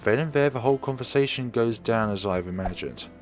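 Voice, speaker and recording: His mid-range voice moves fairly quickly as this let's player dramatically reads a visual novel aloud like a storyteller. Game music plays underneath the narration.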